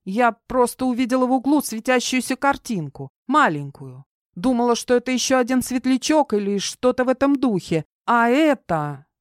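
A woman reading an audiobook, voicing a jumpy, sharp-tongued young woman who gabbles fast and snaps back. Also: a little high, animated, no room sound, clean studio sound, pitched above the performer's own voice, lightly acted. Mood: flustered. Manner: rapid, flustered, snapping.

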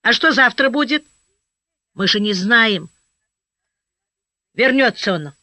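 Bright-voiced woman audiobook narrator. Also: on the high side, measured pace, dry recording. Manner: steady storytelling with voiced dialogue. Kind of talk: first-person audiobook narration. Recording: dry, slightly dull audio.

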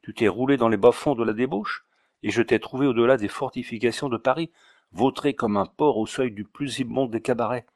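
A man's voice: medium pitch, fairly quick, darkish tone, dry recording, clean studio sound, close to an everyday voice. A man reading the part of an indignant, pompous male doctor who scolds sternly in an audiobook.

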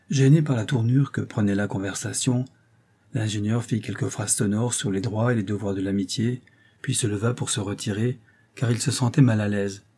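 A man reading a novel aloud as an audiobook narrator, in a measured, even storytelling manner. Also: lowish voice, slightly rough.

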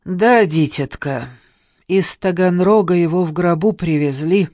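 A narrator voicing a tender, pious old nanny who soothes slowly with folksy endearments. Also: mid-range voice, darkish tone, dry recording, studio quality, natural voice. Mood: grieving. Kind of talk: audiobook character reading.

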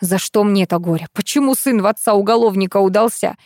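A woman voicing a loud, scolding middle-aged mother who runs a shop, shrill and indignant. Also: quick pace, dry recording, studio quality, natural voice. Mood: furious.

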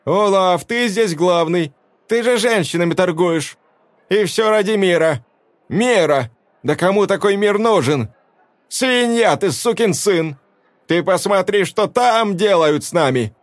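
A man reading a story aloud voices a desperate young woman who shouts through tears at a cowering crowd. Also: on the low side, lively intonation, measured pace, dry recording, pitched above the performer's own voice. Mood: furious accusing. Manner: shouting, tearful, defiant.

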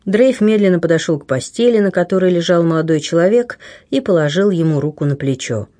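An audiobook narrator with a fairly high-pitched male voice reads a scripted adventure novel. His storytelling is measured and expressive.

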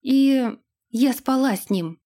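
A defiant young forest princess from a fantasy storybook, high and fervent, as a woman reader puts her on. She speaks with fiery, headstrong passion and sharp conviction. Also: normal speed, lightly acted.

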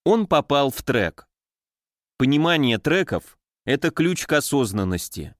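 A man giving a calm, measured psychology lesson, speaking directly to the listener in scripted narration. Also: medium pitch, dry recording, studio quality. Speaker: psychology lecturer.

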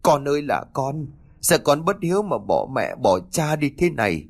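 Guy putting on a grieving mom wailing at a coffin, pitched up, lamenting. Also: very animated, normal speed, creaky, full character voice. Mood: wailing grief. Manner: keening, lamenting. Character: grieving middle-aged mother wailing over coffin.

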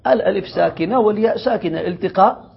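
A man's voice: sits high, fast talker, vocal fry. A man teaching a classical Arabic grammar lesson, reading the text aloud, explaining it and quizzing his students. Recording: dull lo-fi lecture recording.

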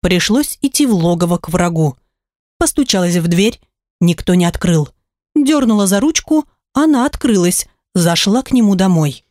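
A woman reading a first-person fantasy audiobook with lively, expressive delivery. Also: on the low side, normal speed, dry recording, clean studio sound. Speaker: audiobook narrator.

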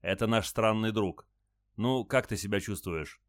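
Man playing a stern low-voiced starship captain. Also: measured pace, dry recording, clean studio sound, close to an everyday voice. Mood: commanding. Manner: firm, commanding. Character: stern starship captain, male adult, commanding.

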